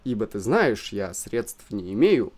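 A pompous, self-important official, read by a man who talks in calm, measured phrases. He lays down his views with a slightly raised, lively pitch. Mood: pompous, composed.

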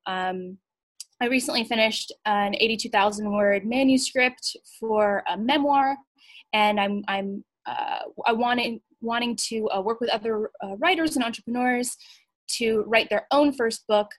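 A woman from Bulgaria speaks as a podcast guest in a fairly high voice, thoughtful and a little hesitant, pausing on fillers as she explains her work. The sound is dry and close, with no room around her. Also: no room sound. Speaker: guest, writer and coach. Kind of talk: casual interview.

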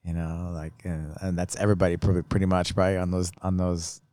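Deep flat-voiced man, rambling casual host, dry close sound. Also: no echo. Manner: rambling, halting, full of "you know" and "like". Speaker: podcast host. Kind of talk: casual podcast interview.

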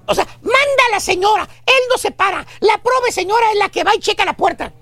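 Brief: a performer playing a squeaky, scornful gossip with a Mexican accent on a radio comedy show, who ends every jab with "güey". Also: lively intonation, a little fast, a bit bright, no room sound, faint music behind, heavily acted. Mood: mocking. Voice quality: very high squeaky voice. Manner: scornful, piles up insults, ends lines with güey. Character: shrill mocking gossip ranting about a bossy lazy man. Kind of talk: comic radio rant.

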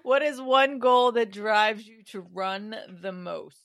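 A woman's voice: on the high side, slow, a bit bright, no echo. A woman co-hosting a casual running podcast with teasing, dry humor. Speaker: podcast co-host. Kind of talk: casual chat.

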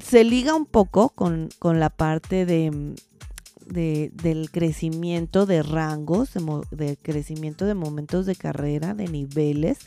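A woman's voice: low-pitched, slow pace, gravelly, mellow, faint music behind. A woman with a Mexican accent hosting a podcast as a casual, colloquial monologue, with playful asides to her listeners. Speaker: podcast host.

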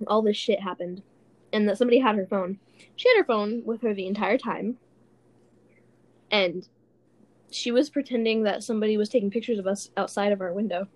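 A woman co-hosting a casual chat podcast, telling rambling stories with lots of giggles. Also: mid-range voice. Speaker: podcast co-host.

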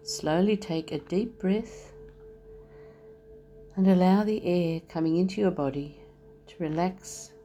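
A woman with a low voice guides a meditation at a very unhurried pace, letting each phrase settle before the next. Her delivery stays soft and soothing throughout. Gentle music plays clearly beneath her words. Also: steady tone.

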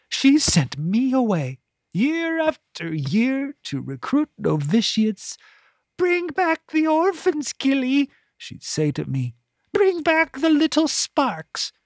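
A narrator voicing a pompous, bitter middle-aged woman high priestess who talks in a haughty, drawn-out sneer. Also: wildly swooping pitch, dry recording, exaggerated voice. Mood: scornful.

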